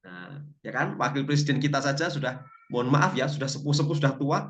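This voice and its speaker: A man with a mid-range voice teaches a Bible language class at a brisk pace, recorded with lo-fi sound. He tells lively, joke-filled stories and puts questions to the class.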